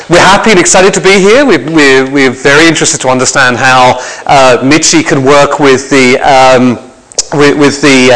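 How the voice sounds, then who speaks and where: Presenting academic material to a lecture hall audience, a visiting lecturer speaks in a slightly high, somewhat bright voice. His delivery is conversational, full of restarts and repeated words.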